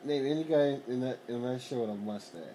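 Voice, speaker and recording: A man's voice: mid-range voice, brisk, background noise. A man chatting casually and jokingly with friends, slangy and profane, often prodding with questions.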